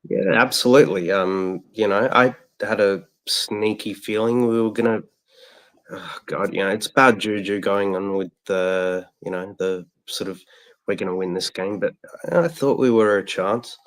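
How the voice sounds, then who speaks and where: A male caller with a fairly low, gravelly voice. He chats casually, thinking aloud in a tentative, meandering way. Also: measured pace. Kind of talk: casual chat.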